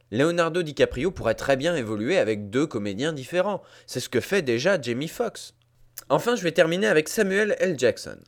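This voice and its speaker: A man hosting a scripted commentary, talking emphatically and addressing listeners directly. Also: mid-range voice. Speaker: host.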